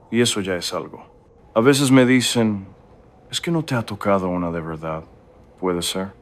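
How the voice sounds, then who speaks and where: A man narrating a first-person story in a calm, reflective way. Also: fairly low pitch.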